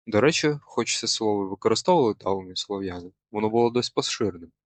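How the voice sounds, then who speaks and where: Young male student presenter, lowish voice, dry close sound, didactic delivery. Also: no echo. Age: young adult. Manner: didactic, quizzes the viewer. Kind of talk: scripted educational presentation.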